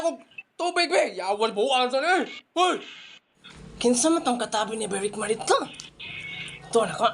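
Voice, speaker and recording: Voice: medium pitch, slight background noise. Skit maker flipping between voices. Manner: switches between put-on voices. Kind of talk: one-person comedy skit, playing several parts.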